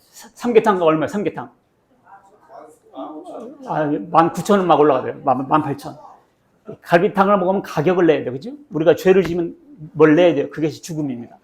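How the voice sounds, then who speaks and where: A man preaching a sermon as pastor, asking the congregation questions and answering them himself, and reading scripture slowly. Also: a little high. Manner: slow, drawn-out reading of scripture verses. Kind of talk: sermon with call-and-response Bible reading. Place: church sanctuary.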